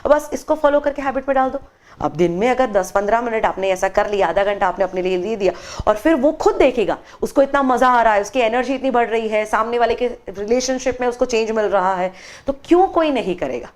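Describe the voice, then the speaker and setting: Animated woman explaining on a talk show. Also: a little high, a little fast. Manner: expressive, acts out quoted voices while telling a story. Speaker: meditation workshop trainer, guest. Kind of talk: TV interview, animated storytelling.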